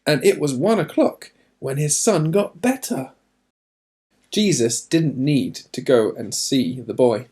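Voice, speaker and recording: Reading from a children's storybook, a man narrates expressively and leans on certain words with deliberate emphasis. His voice falls in the mid range.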